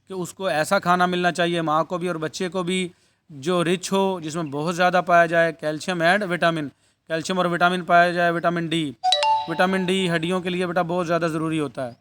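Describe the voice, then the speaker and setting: A male teacher with a smooth, clear voice held in a narrow, steady pitch range, sitting a little above the usual for men. He reads each line of the textbook out slowly, then explains it in a quick, familiar way, calling his students "beta" as he goes. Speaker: nursing course teacher. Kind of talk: bilingual lecture, reading English text and explaining it.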